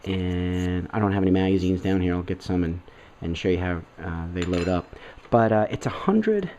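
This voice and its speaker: Nasal from a head cold, a man hosts an unboxing video casually, often halting with fillers and clearing his throat. His voice is deep and dark-toned with lively intonation, and there's a little hiss or hum.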